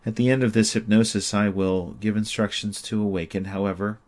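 A man guiding a listener through sleep hypnosis, speaking in a slow, soothing, repetitive way. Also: on the low side, little pitch movement, a little mellow.

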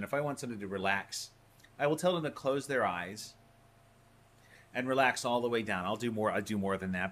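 A man's voice: medium pitch, a bit bright. A man teaching a hypnosis course in a conversational, emphatic way, sometimes repeating words as he explains. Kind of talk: course lecture.

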